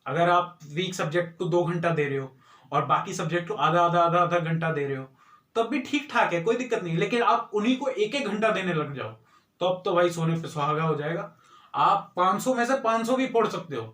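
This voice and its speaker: A man's voice: high-pitched, lively intonation, a little fast, fairly bright tone, roomy sound, recorded from a distance. A young man giving earnest, repetitive study advice to students in a motivational talk. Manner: earnest, repeats points for emphasis.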